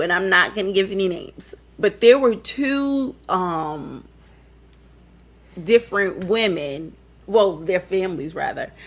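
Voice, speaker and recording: A young adult woman with a Southern US accent, co-hosting a podcast in playful, laughing casual chat. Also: fairly low pitch. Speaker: podcast co-host.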